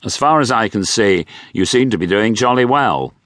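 A man's voice: lowish voice, lively intonation, normal speed, a bit bright, no room sound, studio quality, pitched above the performer's own voice. A man voicing a suave, posh middle-aged male actor with a languid, breezy manner.

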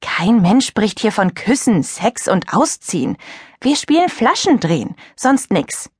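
A bossy, condescending teenage girl , as a woman reader voices her, sounds off in a raised, lively voice. The tone is slightly husky and close to the mic. It is an audiobook reading. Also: mid-range voice, measured pace, no echo, pitched above the performer's own voice, full character voice. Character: snooty teenage girl at a party.

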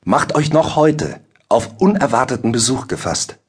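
A man voicing a two-faced court clerk who feigns concern while quietly gloating. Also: mid-range voice, lively intonation, normal speed, husky, pitched above the performer's own voice. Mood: self-important. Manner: mock-concerned, needling.

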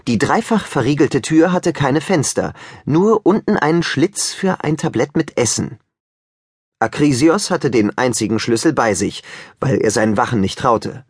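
A man's voice: medium pitch, animated, moderate pace, husky, dry recording, clean studio sound. A man narrating a children's audiobook with wry, joking asides to the listeners.

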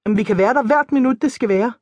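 Woman voicing a flustered heroine, bright, breathless, quick, audiobook, dry. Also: a little high, no echo, highs cut off, lightly acted. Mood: excited. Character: flustered, excitable young woman, 30s.

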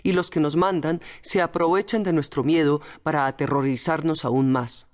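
A woman's voice: sits low, fairly even intonation, normal speed, a little mellow, lightly acted. A woman voicing an earnest, firm young male factory worker speaking to his mother in an audiobook. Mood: irritated. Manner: firm, fervent, tender. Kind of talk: audiobook character voice.

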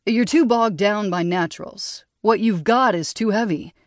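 A woman's voice: mid-range voice, moderate pace, dry recording, clean studio sound, voice pushed up, natural voice. A woman voicing a condescending young male perfumer who needles his colleague. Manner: needling, patronizing.

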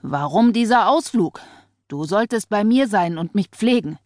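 A woman's voice: mid-range voice, animated, measured pace, a little mellow, no room sound, clean studio sound, close to an everyday voice. A woman reader voicing a controlling husband who scolds and soothes with menace. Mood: scolding.

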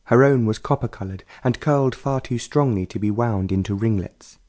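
A man reading a romance novel aloud as an audiobook narrator, in a calm, even storytelling way. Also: mid-range voice, moderate pace. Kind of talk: scripted narration.

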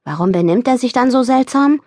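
A woman's voice: a little high, lively intonation, a little fast, darkish tone, no echo, clean studio sound, voice pushed up. A woman voicing a young boy who is defiant and upset, speaking in indignant outbursts in an audiobook. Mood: upset, pleading.

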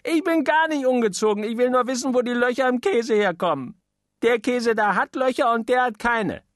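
Ein Mann spricht in einer Hörbuchlesung einen neugierigen, trotzigen kleinen Jungen, der quengelnd immer wieder nachfragt. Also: male voice, extremely high pitch, moderate pace, dry recording, studio quality, voice pushed up. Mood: whiny insistent. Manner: whiny, insistent questioning. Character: curious stubborn little boy.

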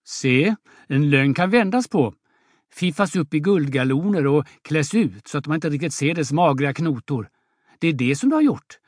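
A man reading an audiobook drama, voicing an aging peasant mother who scolds and frets with loud exclamations. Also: fairly high pitch, expressive, dry recording, studio quality. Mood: bitter.

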